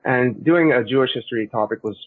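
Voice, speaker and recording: A man's voice: mid-range voice, brisk. A middle-aged man with a Canadian accent, giving talkative, explanatory answers as an interview guest. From Montreal, Canada. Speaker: guest, historian and author. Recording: tinny narrow phone-like line.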